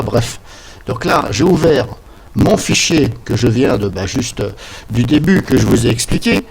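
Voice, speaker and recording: Rambling man giving a software tutorial. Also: mid-range voice, creaky, rough recording. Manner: rambling, informal explanations. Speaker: tutorial presenter.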